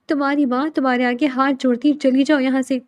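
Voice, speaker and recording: A woman's voice: sits high, level tone, natural voice. Frantic, protective mother, urgent and imploring, read by a woman narrator. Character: anxious middle-aged mother, protective.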